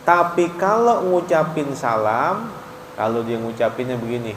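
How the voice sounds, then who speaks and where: A man giving a mosque study sermon, chanting Arabic phrases slowly and then explaining them briskly. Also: mid-range voice, very animated, fairly bright tone, slight background noise. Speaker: religious teacher. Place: mosque hall. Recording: echoey hall, faint ambience.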